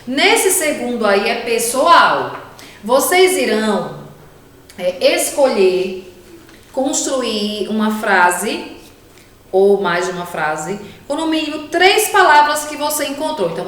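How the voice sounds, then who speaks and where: A Brazilian woman teacher giving a patient, slow lesson to children, sounding out words one by one. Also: a little high, fairly bright tone, recorded from a distance. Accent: Brazilian Portuguese. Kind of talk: remote class lesson for children. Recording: echoey room, voice from off mic.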